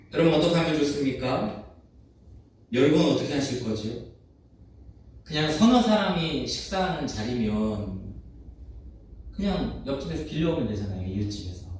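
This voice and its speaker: A man preaching a Sunday sermon as pastor, talking to the congregation with lively questions and acted-out bits of everyday speech. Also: mid-range voice. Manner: animated, questions the congregation, acts out quoted voices. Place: church sanctuary. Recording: echoey church sanctuary, mic at a distance.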